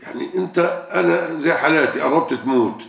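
An older Egyptian sheikh with a heavily gravelly, fry-laden voice delivers a religious question-and-answer sermon. He drives his points home with rhetorical questions and repeated words. He sits well back from the mic in a roomy, echoing space. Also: fairly high pitch, fast talker, fairly bright tone. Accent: Egyptian Arabic. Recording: echoey room, far from the mic.

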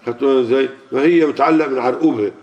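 A man's voice: mid-range voice, rapid-fire, a little mellow. A man with an Egyptian Arabic accent preaching a sermon to a gathering, talking colloquially and often asking the audience questions. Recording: lo-fi muffled recording.

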